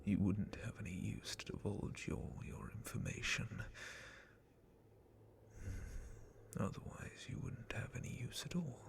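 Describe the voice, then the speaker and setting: A man plays an ancient dragon captain in an ASMR roleplay, menacing and bored, interrogating coldly in a breathy, creaky whisper. His fairly low voice moves deliberately and condescendingly.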